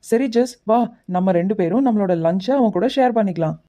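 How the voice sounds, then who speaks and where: A woman voicing a kind gentle schoolboy. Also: mid-range voice, a little fast, dull audio, lightly acted. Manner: patient, gently preaching. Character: kind gentle schoolboy Mike who shares. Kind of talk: kids puppet show acting.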